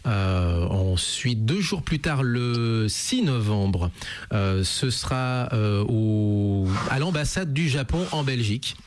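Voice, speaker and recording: A man's voice: mid-range voice, expressive, slow, slight background noise. A man hosting a radio interview, friendly and hesitant with many fillers, on a studio microphone. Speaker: radio host.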